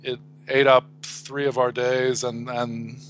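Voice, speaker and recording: A man's voice: mid-range voice, flat delivery, slow, a bit bright, slight background noise. A middle-aged man on a phone line, chatting as a guest and telling stories in a dry, wry way. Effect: heard over a phone line. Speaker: guest commentator. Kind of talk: casual chat.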